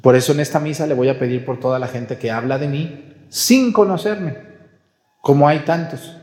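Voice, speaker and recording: Mexican priest preaching in an echoing church. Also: male voice, fairly high pitch, normal speed. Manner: conversational preaching with rhetorical questions; acts out quoted people in lively voices. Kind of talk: sermon at Mass. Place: large reverberant church. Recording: echoey church with long reverb.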